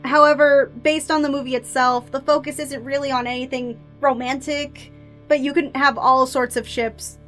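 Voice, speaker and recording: This video essay host is a woman whose voice sits high and a bit bright, with a steady tone and moderate pace. She shares opinionated fan takes conversationally, second-guessing herself at times, while background music plays.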